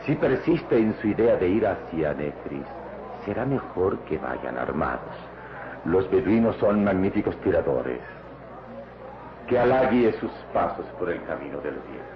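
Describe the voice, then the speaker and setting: An actor playing a courteous, mysterious, wise adventure hero in an old radio drama, with solemn, gallant, formal speech. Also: male voice, deep voice, sing-song, unhurried. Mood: solemn warning. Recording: noisy dull lo-fi radio recording.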